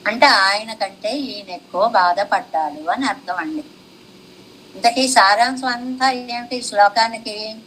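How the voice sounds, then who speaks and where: A woman with a fairly high voice gives a devotional talk, chanting classical verses in a measured cadence before unpacking them in plain speech. She keeps asking rhetorical questions and answering them herself. A faint hiss sits under the recording. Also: fairly bright tone, rough recording. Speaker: religious teacher. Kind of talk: devotional discourse explaining scripture commentary.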